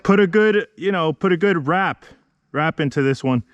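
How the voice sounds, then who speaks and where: Slow-talking man giving halting jobsite instructions. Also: on the high side, no room sound, highs cut off. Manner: halting, repeats himself while instructing. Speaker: tree crew foreman giving instructions. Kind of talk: casual jobsite instructions, bilingual. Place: outdoors at a tree removal site.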